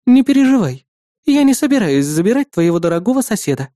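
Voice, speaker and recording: A man's voice: high voice, sing-song, quick pace, warm tone, dry recording, studio quality, voice pushed up. A man voicing a sly, teasing young woman partner in an audiobook. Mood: friendly. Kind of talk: audiobook character voice.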